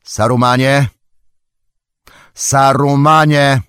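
Old wizard, stern and commanding, forceful calls , read by a man with a husky voice. Audiobook. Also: deep voice, measured pace, no room sound, clean studio sound.

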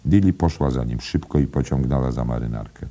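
A man reading a novel aloud in a steady, measured narration. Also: very deep voice. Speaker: audiobook narrator.

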